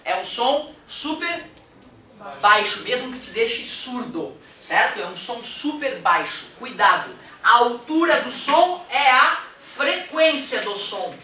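A man from Brazil, giving a lively, joking physics lecture in a classroom and acting out examples. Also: very high voice, slow. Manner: animated and joking, acts out examples. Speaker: physics teacher. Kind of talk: exam-prep physics lecture. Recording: echoey room, mic at a distance.

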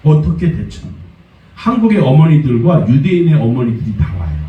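Animated male pastor, echoey church. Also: fairly quick. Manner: lively, acts out quoted complaints in a high voice. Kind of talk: sermon. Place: church sanctuary. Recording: dull, echoey church sound from a distance.

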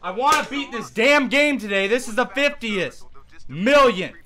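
A man's voice: very high-pitched, lively intonation, normal speed, sharp tone. A young man commentating live on a video game in an exasperated, sarcastic, swearing tirade. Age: young adult. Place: indoor room, at a computer.

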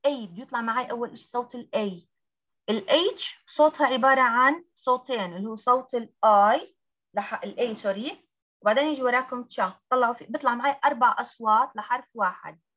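A woman's voice: fairly high pitch, quick pace, fairly bright tone. A woman, teaching English pronunciation on a video call and drilling letter by letter. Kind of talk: online class teaching.

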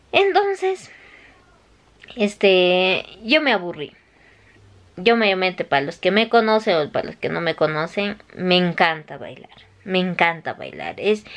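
Chatty Peruvian woman telling a story. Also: lowish voice. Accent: Peruvian Spanish. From Peru. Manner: chatty, animated, acts out quoted voices. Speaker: vlogger. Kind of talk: casual storytelling.

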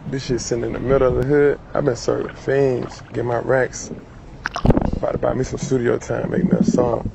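A man's voice: mid-range voice, little pitch movement, moderate pace, creaky, noisy background. A man on a fishing trip, joking around in laid-back slang on an action camera outdoors. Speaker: fishing vlogger. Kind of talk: casual outdoor banter. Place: outdoors by a lake.

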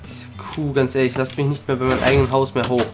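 A man giving casual let's-play commentary, chatting excitedly to viewers, making little mouth sound effects and switching between shouts and whispers. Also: mid-range voice, very fast, noisy background. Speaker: gaming video creator. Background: background music.

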